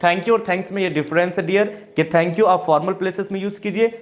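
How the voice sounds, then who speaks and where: A man's voice: sits high, steady tone, fairly quick. Hindi-speaking male English teacher, live class. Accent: Indian. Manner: addresses viewers as "dear", repeats points. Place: classroom with a board.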